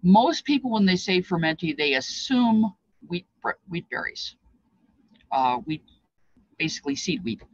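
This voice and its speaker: Speaking unhurriedly in a fairly low, very animated voice, an older woman past fifty presents feast dishes. She rambles informally and reflectively with bits of reminiscence, sitting in a cluttered little craft room and captured by a desk-distance webcam in dry, lo-fi sound.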